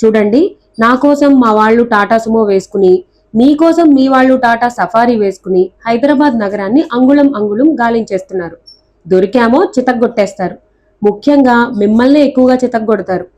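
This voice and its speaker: A brisk, clever young woman who switches between scolding and mock tears, voiced by a woman reading a novel aloud. Her voice sits a little high, with a soft, mellow tone. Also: close to an everyday voice. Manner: sharp, scolding, theatrical pleading.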